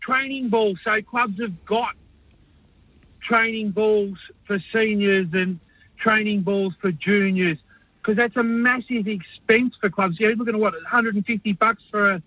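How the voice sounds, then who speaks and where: A man's voice: sits high, measured pace, no room sound, dull audio. An Australian man phoning a talkback show, speaking casually in a blunt, complaining way. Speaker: talkback radio caller. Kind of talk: casual opinionated phone-in talk.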